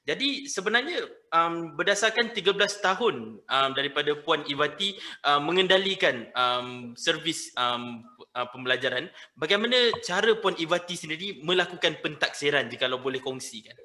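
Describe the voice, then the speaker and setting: A man moderating a conference question-and-answer session, polite and halting as he puts his questions together. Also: fairly high pitch, lively intonation, pushed and bright.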